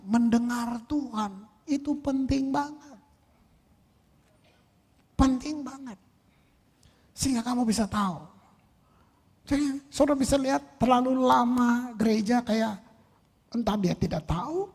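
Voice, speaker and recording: A male pastor preaching a sermon, firing rhetorical questions and swinging between loud and soft. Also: extremely high pitch, measured pace, long pauses, breathy edge. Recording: long reverb in a large hall.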